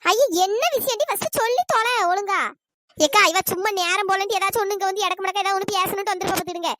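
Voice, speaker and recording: Woman voicing squeaky scolding village women. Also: steady tone, quick pace, fairly bright tone, no echo. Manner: scolding, bickering, teasing. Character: bossy gossiping village women, scolding and sharp-tongued. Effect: pitch-raised voice. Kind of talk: cartoon voice acting.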